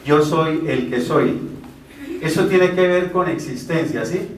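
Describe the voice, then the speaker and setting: Slow-spoken man preaching in a roomy hall. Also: fairly high pitch. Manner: poses rhetorical questions and answers them himself; explains verses step by step, rephrasing. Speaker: preacher teaching a Bible class. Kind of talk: Bible teaching sermon. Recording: roomy, from a distance.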